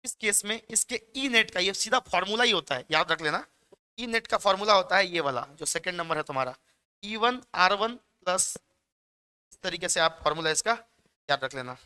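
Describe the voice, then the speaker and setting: Young guy teaching physics, bihari hindi accent, chatty and jokey, crisp voice. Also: sits high, a little fast, pushed and bright. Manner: chatty teacher, mixing Hindi and English terms, joking asides. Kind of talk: exam-prep lecture.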